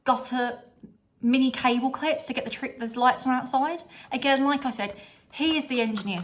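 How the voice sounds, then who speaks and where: Young woman, vlogger, upbeat chatter, laughs at herself, slightly high voice. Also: slight background noise. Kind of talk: casual home haul vlog. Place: at home, in front of a styled background.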